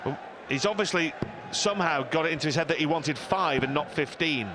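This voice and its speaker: Higher-voiced male darts commentator, noisy venue. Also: fairly quick. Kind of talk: live sports commentary. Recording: clear arena noise behind.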